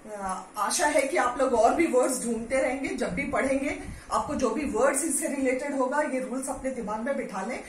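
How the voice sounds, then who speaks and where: A woman teacher with an Indian accent giving a spoken English pronunciation lesson, drilling words slowly and switching between English and Hindi. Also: a little high. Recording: echoey room, distant mic, faint hiss.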